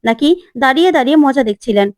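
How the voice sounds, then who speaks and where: A woman voicing a sharp-tongued young woman. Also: sits high, very fast, no room sound, close to an everyday voice. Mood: challenging. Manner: challenging, sarcastic.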